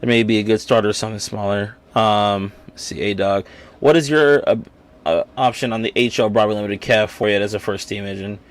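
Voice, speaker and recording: A man speaking a bit fast in a lowish voice hosts a laid-back livestream. He wanders from point to point with many restarts and fillers while reading viewers' chat messages aloud.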